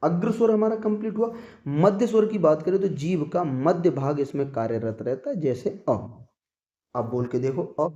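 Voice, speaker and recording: A man's voice: on the high side, normal speed, mellow, echoey room, lo-fi sound. A man teaching an exam-prep grammar lesson, repeating points and often checking whether students have understood.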